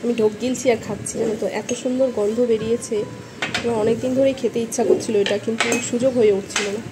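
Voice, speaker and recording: A woman's voice: a little high, fairly even intonation, quick pace, background noise. A woman in her thirties with a Bengali accent, chatting casually to her viewers in a family vlog, rambling and friendly. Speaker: family vlogger.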